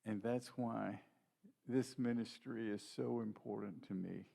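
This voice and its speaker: A man's voice: lowish voice, steady tone, unhurried, vocal fry, dark tone. A man giving an earnest testimony at church as a guest minister.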